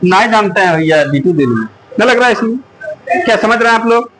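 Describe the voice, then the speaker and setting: Coaxing math teacher, high voice. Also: male voice, lively intonation, quick pace, a bit bright, slight background noise, low-quality recording. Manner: coaxing, keeps asking the class if it is clear. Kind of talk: classroom lecture. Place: classroom.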